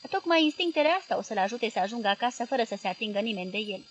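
A woman reading the part of a moody young woman who speaks with cool, quiet irony. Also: a little high, lively intonation, husky, dull audio.

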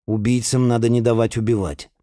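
A man voicing a calm, tactful young man who speaks softly and carefully. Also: mid-range voice, a little fast, no room sound, clean studio sound, close to an everyday voice. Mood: gentle. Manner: soft, tactful.

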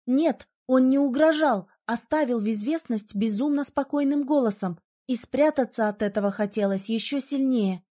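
A woman narrating a novel in the first person, reading in an expressive, lively way. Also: fairly high pitch, normal speed, few pauses. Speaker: audiobook narrator.

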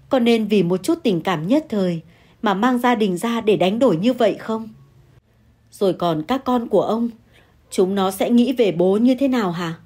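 A woman playing a composed older wife who answers calmly and firmly. Her tone stays steady and measured as she scolds and reasons. It is heard in a spoken audio story. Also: mid-range voice, husky. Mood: firm pleading. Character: older wife, calm and firm.

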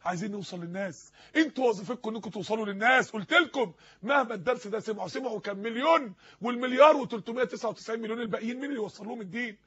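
Fast, husky Egyptian preacher. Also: male voice, high voice, sharp tone, lo-fi sound. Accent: Egyptian Arabic. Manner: fervent, pleading, repeated rhetorical questions. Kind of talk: impassioned sermon.

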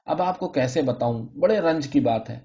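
A man voicing an anxious pharmacist's wife in a shrill, alarmed voice, on a dull lo-fi recording. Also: lively intonation, warm tone, lightly acted. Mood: sorrowful. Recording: dull lo-fi audio.

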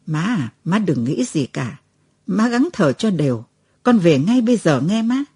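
A woman's voice: on the low side, sing-song, measured pace, mellow, breathy edge, heavily acted. A woman doing a tearful, pleading young daughter. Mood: worried. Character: devoted young daughter, anxious and grieving.

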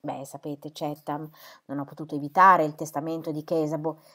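A fussy older gentleman who rambles and keeps reaching for his point, read by a woman in a low, unhurried voice. He comes across as mild and evasive, and the delivery is that of an audiobook read aloud. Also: level tone. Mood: rambling. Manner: rambling, keeps adding "you know". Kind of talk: audiobook character reading.

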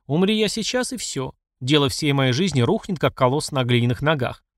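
Man doing an angry accusing emperor, very lively pitch, fairly high, dry sound. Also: brisk, dry recording, lightly acted. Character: furious middle-aged male emperor scolding his mother.

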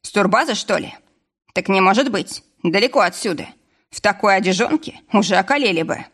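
A woman voicing a gruff, bearded, middle-aged male forester who scolds bluntly, in an audiobook. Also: medium pitch, animated, a little fast, a bit bright. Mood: grumbling. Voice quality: rough.

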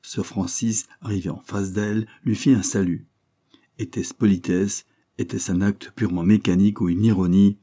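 Man, low husky voice, mellow tone, audiobook narration, measured reading. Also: fairly even intonation. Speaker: audiobook reader. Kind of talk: scripted narration.

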